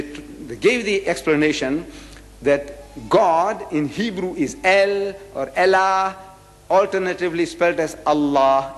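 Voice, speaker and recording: An older man giving a public religious lecture, emphatic and lively, repeating and acting out phrases as he argues. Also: a little high, long reverb tail.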